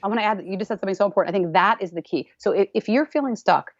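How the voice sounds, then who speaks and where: A woman dance teacher talking in a podcast interview, animated and playful, acting out little voices and laughing often. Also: medium pitch, racing, dry recording. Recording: dull lo-fi sound.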